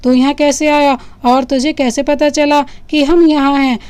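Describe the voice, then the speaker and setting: A fierce, feared young man from a romantic audio story, voiced by a woman narrator, hard-edged toward enemies. The voice is high and close-miked with a dry sound. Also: level tone, unhurried, dry recording. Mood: gruff. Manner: pained and angry, then gentle. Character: feared young man, fierce but tender with his love.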